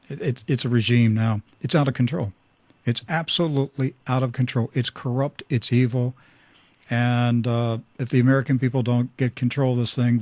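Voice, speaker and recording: A man's voice: mid-range voice, a little mellow, no room sound. Male talk radio host, fervent and preachy, mid-range voice, dry studio sound.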